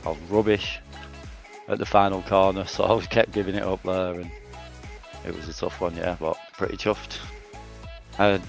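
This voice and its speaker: A man's voice: low-pitched, level tone, moderate pace, gravelly, pauses often, soft background music. A man from Oldham with a northern English accent, a racing driver chatting casually after a race, plain-spoken and self-deprecating, laughing easily. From Oldham, northern England. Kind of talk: casual post-race interview.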